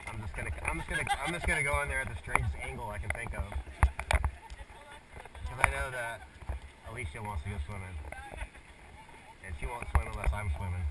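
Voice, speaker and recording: A man working as a rafting guide, chatting casually and giving easy, informal instructions to his crew outdoors on a river. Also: medium pitch. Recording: distant mic, loud rushing water noise.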